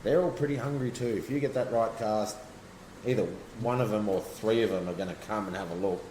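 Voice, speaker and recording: A man's voice: lowish voice, steady tone, brisk, darkish tone. An Australian man chatting casually and explaining his fishing technique, often restarting his sentences. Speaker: guest angler. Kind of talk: casual chat. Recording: echoey room, faint background noise.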